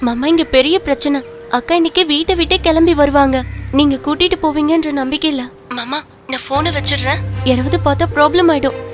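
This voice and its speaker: A woman dubbing an urgent, hushed younger sister. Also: high-pitched, fairly even intonation, fairly quick, close to an everyday voice. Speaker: dubbing actress. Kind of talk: dubbed film acting.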